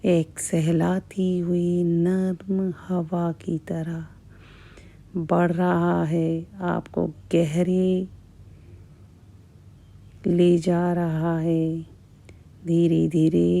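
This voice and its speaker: A woman hypnotist guiding a relaxation in a hushed, breathy, measured voice, repeating soothing phrases with long pauses. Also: on the low side. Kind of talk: slow, soothing guided hypnosis.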